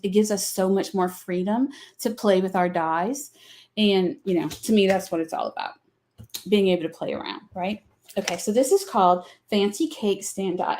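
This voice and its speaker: A woman's voice: medium pitch, darkish tone. Woman, Southern accent, middle-aged, folksy, chatty demo host. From American South. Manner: chatty, folksy, explains with many fillers. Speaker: craft company host. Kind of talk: live product demo.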